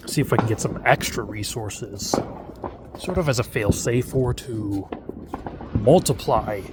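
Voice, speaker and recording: A man's voice: lowish voice, measured pace, heavy background noise. A man vlogging outdoors at night, rambling casually with many fillers and hesitations. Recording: loud fireworks and firecrackers outdoors.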